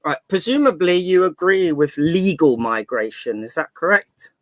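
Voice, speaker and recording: A man's voice: a little high, expressive, normal speed, no room sound. A man questioning confrontationally, pressing his point with hesitant fillers. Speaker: interviewer.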